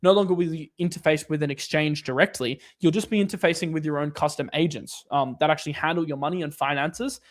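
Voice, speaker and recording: A man's voice: a little high, quick pace, hardly any pauses. A man hosting a casual livestream Q&A, answering viewer questions in a loose, rambling way with lots of fillers and restarts.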